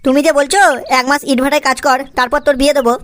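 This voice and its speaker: Brief: woman doing a lazy young cartoon guy, high, rapid, whiny and cheeky. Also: level tone, a bit bright. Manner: whiny and cheeky, corrects his father's English. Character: lazy whiny young man pestering his father. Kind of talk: cartoon comedy voice acting.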